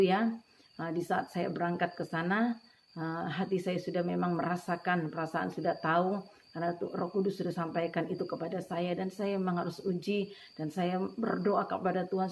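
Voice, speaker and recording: A woman's voice: fairly low pitch, gravelly. Woman giving an emotional church testimony. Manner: emotional retelling with frequent "ya" and "puji Tuhan"; addresses listeners as beloved brothers and sisters. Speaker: testimony speaker.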